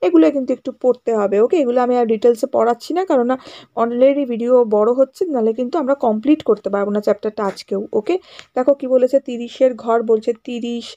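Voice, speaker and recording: A woman's voice: fairly high pitch, brisk, dark tone. A woman teacher with a West Bengal Bengali accent gives a grammar lesson, explaining step by step, checking often that students follow, and mixing English words into her talk. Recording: dull lo-fi sound.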